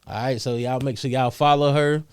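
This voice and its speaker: A man hosts a podcast in an easygoing way, with slangy, relaxed talk and a voice of middling pitch. He keeps the chat loose and friendly toward his guest. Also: normal speed, clean tone, dry recording. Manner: laid-back, slangy American speech. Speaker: podcast host. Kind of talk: casual interview chat.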